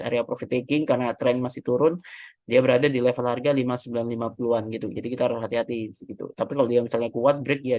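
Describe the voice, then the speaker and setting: Pria analis saham yang bicara cepat. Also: male voice, medium pitch, dry recording. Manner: chatty, self-correcting, many fillers. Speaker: stock market analyst. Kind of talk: casual technical analysis walkthrough.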